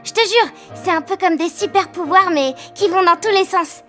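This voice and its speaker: A woman voicing Pêche, an energetic, excitable little girl in a children's audio story, talking fast and loud. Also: very high voice, soft background music. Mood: excited chatty.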